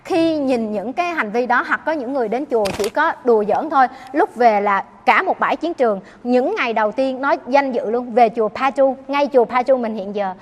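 A woman's voice: a little high, brisk, few pauses. A Buddhist nun gives an earnest dharma talk, often turning questions back on her listeners. Her voice rings with the long reverb of a large hall. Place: temple hall.

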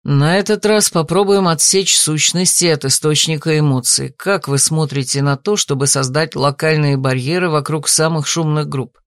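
A woman putting on a courteous, composed man for an audiobook, his voice dropped well below her own and spoken in a measured, politely amused way. It sounds dry and close, with no room around it. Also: low-pitched, dry recording, pitched below the performer's own voice. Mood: decisive. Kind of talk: audiobook character voice.

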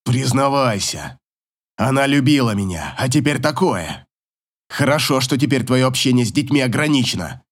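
A man voicing a gruff, venomous middle-aged ex-husband in an audiobook. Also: mid-range voice, big pitch swings, moderate pace.

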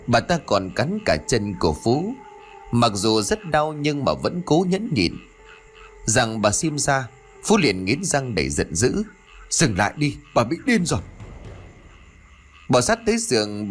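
Dramatic male ghost story narrator. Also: mid-range voice. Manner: dramatic, expressive. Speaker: audiobook narrator. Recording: soft background music.

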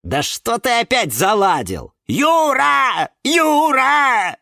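A man's voice: a little high, sing-song, moderate pace, fairly bright tone, breathy edge, no room sound, clean studio sound, voice pushed up, full character voice. Man doing a mocking flowered cactus. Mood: teasing. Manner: mimicking, teasing.

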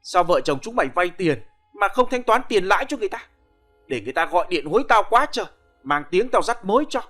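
A man voicing a brash middle-aged male middleman who talks fast, loud and scolding. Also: sits high, big pitch swings, soft background music, pitched above the performer's own voice, heavily acted.

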